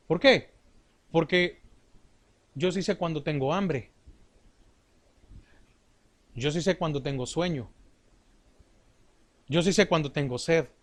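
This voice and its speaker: A middle-aged man delivers a sermon at a slow, measured pace. His voice sits slightly high for a man. He leans on rhetorical questions to draw the congregation in. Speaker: preacher.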